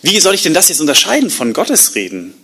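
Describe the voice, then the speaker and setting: Lively storytelling male preacher. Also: fairly high pitch, fairly quick, slightly rough. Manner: lively retelling with acted-out quotes; colloquial asides. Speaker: pastor. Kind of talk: sermon storytelling.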